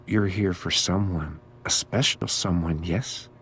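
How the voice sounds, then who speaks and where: A man playing a creepy, cryptic, gently philosophical school groundskeeper in a video game, with a slow, ominous drawl. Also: sits low, slight background noise. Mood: cryptic, knowing. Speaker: groundskeeper character.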